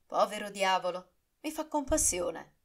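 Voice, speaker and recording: A woman's voice: medium pitch, expressive, measured pace, gravelly. Woman reading a cocky young swordsman, all teasing irony, audiobook style. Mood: grave. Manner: teasing, ironic, cheerfully taunting. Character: mocking, swaggering young male swordsman.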